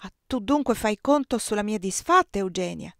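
A woman's voice: mid-range voice, expressive, moderate pace, gravelly, no echo, studio quality. A woman voicing an aging male emperor who is suspicious and flirtatious, reading him in an audiobook. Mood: reproachful.

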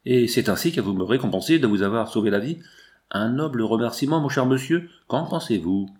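A man's voice: medium pitch, animated, a little fast, a little mellow, natural voice. A man reading the part of a wounded, reproachful father who confronts his daughter's suitor in an audiobook. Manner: reproachful, trembling with emotion. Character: stern wounded father, indignant.

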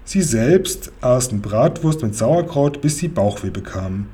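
A man narrating a children's storybook aloud in a lively, expressive way. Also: mid-range voice, measured pace. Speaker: audiobook narrator.

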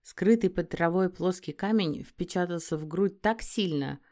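A woman's voice: on the low side, moderate pace, darkish tone. A woman narrating a first-person fantasy audiobook in a dramatic, emotive reading.

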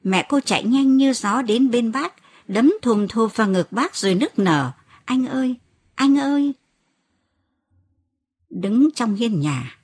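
A woman narrating an audiobook novel in an expressive reading voice. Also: medium pitch, husky. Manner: expressive reading, lifts her voice for quoted cries.

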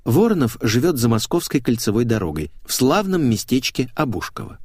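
A man's voice: medium pitch, sing-song, brisk, a little mellow, slightly rough, dry recording, studio quality. A man narrating a comic novel in the first person, wry and self-mocking. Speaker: audiobook narrator.

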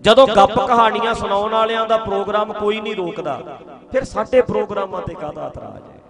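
A man's voice: sits high, brisk, gravelly, fairly bright tone, faint music behind. A man preaching from a stage to a congregation, earnest and pleading, repeating his phrases for emphasis. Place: outdoor religious gathering stage. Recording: crowd noise from a large gathering.

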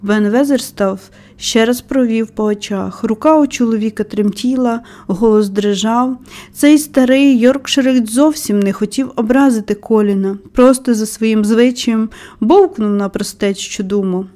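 A woman reading a children's novel aloud as audiobook narrator, with expressive storytelling. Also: a little high, normal speed. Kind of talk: scripted narration.

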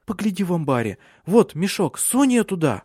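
Tender young wife in a storybook, high and soft, man putting her on, dry close sound. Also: big pitch swings, normal speed, breathy edge, no echo, full character voice. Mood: alarmed. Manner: soft raised voice for a woman. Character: loving young wife and mother, gentle.

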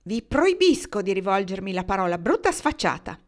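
Woman voicing a shrill, indignant frontier matron. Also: sing-song, normal speed, lightly acted. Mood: outraged. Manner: shrill, outraged scolding. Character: indignant prim middle-aged frontier wife.

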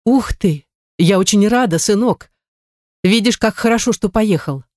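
A woman's voice: medium pitch, expressive, a little slow, darkish tone, no room sound, clean studio sound, voice pushed up, natural voice. A reader voicing an older mother who is cheerful and coaxing, in an audiobook. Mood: delighted. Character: older mother, warm and delighted. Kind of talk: audiobook narration.

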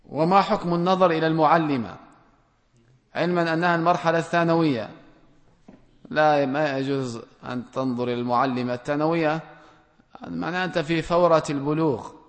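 A man reads out audience questions and answers them one by one as a religious scholar, giving plain, direct rulings and gentle admonishment. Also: a little high, a little fast, pauses often. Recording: long reverb from a large hall.

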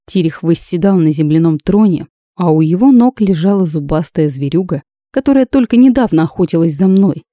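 A woman narrating a novel in the first person with a lively, emotional reading. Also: on the low side, brisk, hardly any pauses, no echo, studio quality. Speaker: audiobook narrator.

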